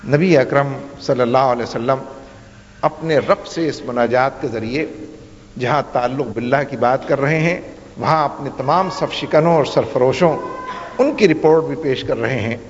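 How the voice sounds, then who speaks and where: Preacher man in a booming hall. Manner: rhetorical, building repetitions, Arabic recitation. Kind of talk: sermon. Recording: dull sound with long hall reverb.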